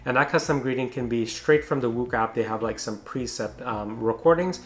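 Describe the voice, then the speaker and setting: A man with a mid-pitched voice narrates a product review. He explains things informally, in an easy conversational style. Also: a little fast.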